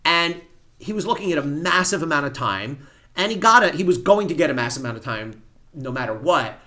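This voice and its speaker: A man's voice: on the high side, animated, brisk, bright, forceful tone. A man who was a federal prosecutor, telling stories plainly and vividly as a podcast guest. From United States. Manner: vivid storyteller, plain-spoken. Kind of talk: storytelling in a podcast interview.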